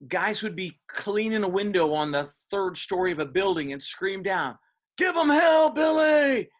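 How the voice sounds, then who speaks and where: A man's voice: high-pitched, moderate pace. Man reminiscing with fillers and restarts. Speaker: interview guest. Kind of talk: casual interview.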